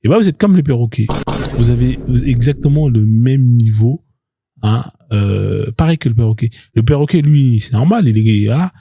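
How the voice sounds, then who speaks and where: A man with a very dark, mellow and husky voice hosts a live stream monologue. He talks in a mocking, confrontational way and hammers the same points again and again. The sound is close and dry, with no room echo. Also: mid-range voice, expressive, moderate pace.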